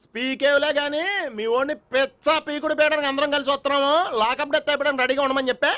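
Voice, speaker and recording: An actor playing an excitable, hotheaded young man who rants and boasts in a comic film scene. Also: very high-pitched, very fast. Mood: boastful. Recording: dull lo-fi film soundtrack.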